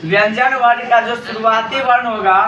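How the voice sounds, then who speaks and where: A high-voiced man leads a lively class, calling out questions and echoing the students' replies. He sounds distant in an echoey classroom, with the class audible around him. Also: moderate pace, highs cut off. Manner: asks the class questions and repeats their answers. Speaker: Hindi grammar teacher. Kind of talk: classroom lecture with call-and-response.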